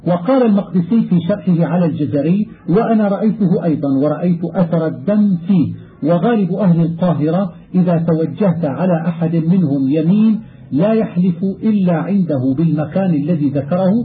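A man teaching Quran recitation, reading a classical scholarly text aloud in a steady manner and lifting his voice to recite verses. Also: high-pitched, a little fast. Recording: tinny phone-like radio recording.

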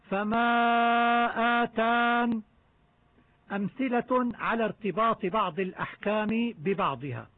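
A man teaching the rules of Quran recitation, explaining each point in a methodical, measured way. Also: sits high, breathy edge. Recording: narrow tinny phone-like sound.

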